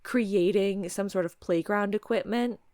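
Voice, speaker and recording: A woman hosting a podcast in casual chat, halting as she carefully picks her words and talks around them. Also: medium pitch, a little mellow, no room sound, clean studio sound. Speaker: podcast host. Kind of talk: casual podcast chat during a word game.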